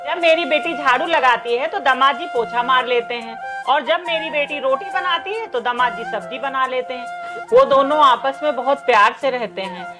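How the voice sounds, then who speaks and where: Actress for a possessive mother-in-law, high voice, music under. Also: moderate pace, lightly acted.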